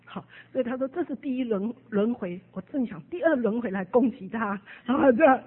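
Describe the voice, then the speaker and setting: Woman giving a sermon, slightly breathy voice, tells stories and jumps up loud for quotes, thin lo-fi radio sound. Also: lively intonation, fairly quick. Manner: acts out quoted speech with sharp jumps in pitch and loudness. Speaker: preacher. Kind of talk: sermon with storytelling. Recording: narrow phone-like radio broadcast.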